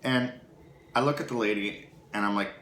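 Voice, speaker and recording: A man, co-hosting a casual chat and telling a story with lively acted-out quotes. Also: lowish voice, moderate pace. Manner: animated storyteller, acts out quotes. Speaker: podcast co-host. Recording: echoey room with faint background noise.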